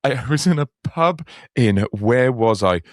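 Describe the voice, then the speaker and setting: A man bantering on a comedy podcast, tossing in quick jokes with a lively, bouncing pitch. His voice sounds close and dry. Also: no echo. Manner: quick, playful, riffing banter. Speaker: podcast co-host. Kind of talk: casual comedic chat.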